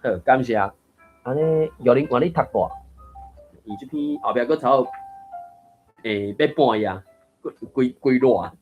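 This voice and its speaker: A man in the host's seat of a language reading group, his voice sitting at an ordinary middle pitch. He talks patiently and repeats example words one by one as he corrects the readers. Soft music runs faintly behind him on the call. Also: moderate pace, long pauses, phone-quality sound. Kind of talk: explaining tone sandhi and correcting readers.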